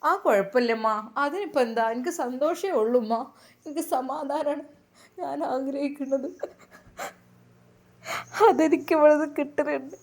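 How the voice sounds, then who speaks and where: Woman doing a kind big-sister type, soft and a bit high, malappuram accent, storybook. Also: moderate pace, pauses often. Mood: tender. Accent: Malappuram Malayalam. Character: gentle middle-aged woman, like a caring elder sister.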